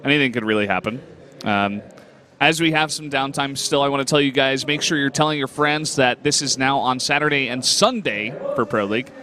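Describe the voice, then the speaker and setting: A man commentating a live esports match in relaxed, easygoing banter with his co-caster. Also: medium pitch, fairly quick. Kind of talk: casual live game commentary. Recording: live crowd noise behind the voice. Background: crowd.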